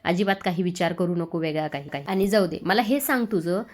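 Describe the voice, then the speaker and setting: A woman's voice: fairly low pitch, brisk, darkish tone, natural voice. A woman voicing an indignant young woman who scolds and retorts, in a recap of a TV serial. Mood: brushing off. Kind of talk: acted dialogue in a serial recap.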